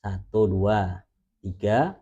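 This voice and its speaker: A male teacher leads a language lesson. He explains patiently and often repeats himself, sounding out example phrases slowly so his students can follow. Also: lowish voice, warm tone, husky, highs cut off.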